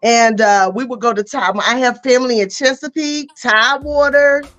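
A woman from North Carolina, hosting a casual chat podcast in a loud, playful, slangy way. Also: a little high, normal speed. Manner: loud, playful, chatty, drops into Southern slang. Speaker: podcast host.

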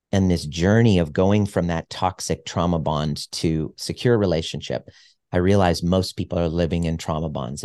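A man in his forties speaks with a very low voice, thoughtful and earnest as he works through his ideas. The sound is dry and close, with no room around it. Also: a little mellow, no echo. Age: 40s. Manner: reflective, earnest, with frequent restarts. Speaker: podcast guest, chiropractor. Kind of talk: casual conversation.

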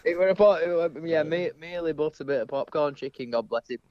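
A man's voice: a little high, fast, heavy background noise. A man telling yarns casually in a rambling, self-deprecating way, swearing freely. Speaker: guest telling stories. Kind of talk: casual storytelling banter. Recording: dull, band-limited sound.

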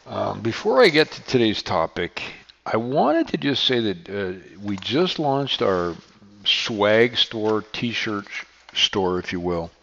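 Slow, very animated, and fairly bright, this older man's low-leaning voice carries vocal fry. He's a beekeeper hosting his casual solo podcast in an unfamiliar studio room, rambling and self-correcting, while a heavy canyon-like echo and dull lo-fi recording color the sound.

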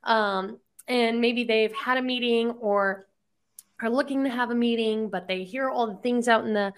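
Woman, podcast host, slightly high voice, encouraging, short affirmations. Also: normal speed, clear, resonant tone. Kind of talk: casual podcast interview.

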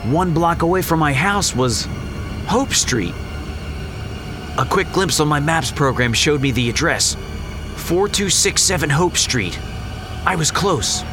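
A man's voice: animated, measured pace, long pauses. Man narrating a horror story over music. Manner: low, hushed and suspenseful, jumping higher in dialogue.

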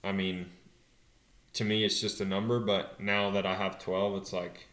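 A young man and pro rider answering interview questions in a relaxed, hesitant way, full of fillers and restarts. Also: sits low, normal speed, roomy sound. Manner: laid-back, hesitant, many fillers and restarts. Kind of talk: casual interview.

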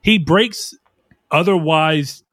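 A man co-hosting a podcast, talking casually and thoughtfully about a film, with drawn-out phrasing. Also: fairly high pitch, fairly bright tone, dry recording, clean studio sound. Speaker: podcast co-host.

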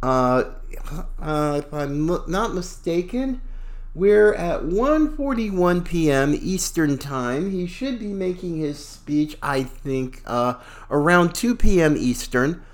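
Slow-paced man hosting political talk. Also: a little high, animated. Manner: folksy, opinionated, slangy. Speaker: talk show host. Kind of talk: casual political commentary.

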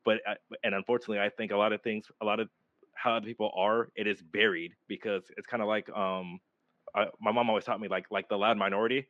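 A man's voice: on the low side, little pitch movement, fast, no echo. A man in his thirties in a casual group podcast chat, rambling and restarting, saying "like I said" over and over. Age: 30s. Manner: rambling, restarts a lot, says "like I said". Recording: dry, dull lo-fi audio.

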